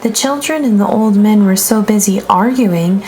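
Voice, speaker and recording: A woman reads a children's book aloud, narrating in an expressive storytelling style. Her mid-range voice moves at normal speed, captured on a low-quality recording.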